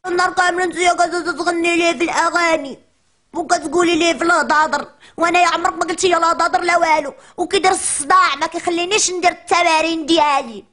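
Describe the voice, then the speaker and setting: A woman's voice: extremely high pitch, pushed and bright. A woman with a Moroccan accent playing a chatty, cheeky little preschool girl in a comic monologue, complaining in a whiny childish chatter.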